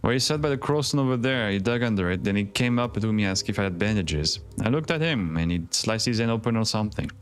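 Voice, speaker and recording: A man on a gaming livestream, chatting casually and playfully and reading the game's dialogue aloud, with sudden excited jumps. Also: lowish voice, fast, few pauses. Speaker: streamer.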